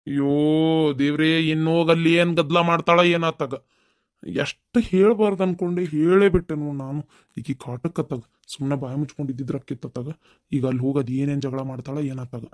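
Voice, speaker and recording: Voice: medium pitch, fairly even intonation, fast talker, lightly acted. A performer voicing a worried, complaining older father-in-law in a comic cartoon, with a North Karnataka accent. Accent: North Karnataka Kannada. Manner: fretting, complaining.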